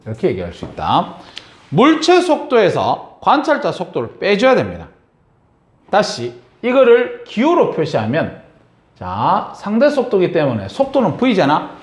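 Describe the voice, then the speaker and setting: A man's voice: high-pitched, measured pace, echoey room. A man teaching a science class, lecturing and often checking in with his students. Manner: lively, asks students frequent check-in questions.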